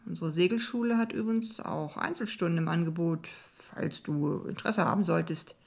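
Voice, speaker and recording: A friendly, flirtatious sailing instructor, read by a woman, upbeat and polite as he welcomes a group. He sounds like a figure from an audiobook. The voice sits fairly low and warm. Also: normal speed, vocal fry, breathy edge. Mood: flirty.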